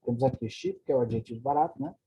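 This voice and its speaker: A man's voice: medium pitch, very fast, background noise. A man with a Brazilian Portuguese accent teaching an English grammar lesson, explaining patiently and checking in with his students.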